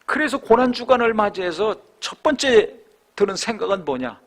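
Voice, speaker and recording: A male pastor preaching a sermon with rhetorical questions, swinging between raised exhortation and hushed reflection. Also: sits high, lively intonation, moderate pace.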